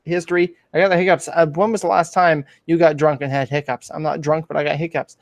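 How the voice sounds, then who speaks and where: A man's voice: fairly high pitch, little pitch movement, quick pace, creaky, dry recording. A man hosting a casual online lore chat over a video call, rambling with lots of fillers and restarts. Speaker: podcast host.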